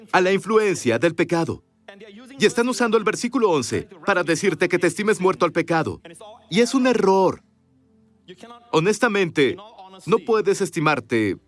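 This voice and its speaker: A man preaching a sermon earnestly, speaking directly to his congregation. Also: fairly high pitch. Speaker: pastor.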